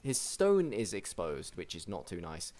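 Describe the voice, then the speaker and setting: A young man casually commentating a strategy game match, chatty and excitable, with frequent restarts. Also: low voice, measured pace. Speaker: game caster.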